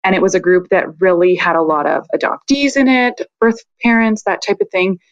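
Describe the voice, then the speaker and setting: A woman's voice: mid-range voice, a little fast, dry recording, lo-fi sound. A woman guest in a podcast interview, talking reflectively with frequent fillers. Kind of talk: casual interview talk.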